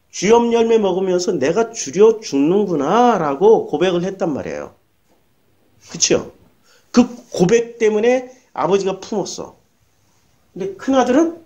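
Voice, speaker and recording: Man preaching, high voice, mellow tone, questions and answers himself, acts out quotes. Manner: asks the congregation questions and answers them himself; acts out short quoted lines in a dropped voice. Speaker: pastor. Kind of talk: sermon.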